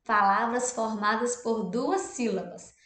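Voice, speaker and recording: A Brazilian woman, a primary school teacher, explaining a textbook exercise to children, drawing out syllables and often checking "tá bom?". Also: a little high. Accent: Brazilian Portuguese. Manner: lively, drawn-out stressed syllables, frequent "tá bom?" checks. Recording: echoey room.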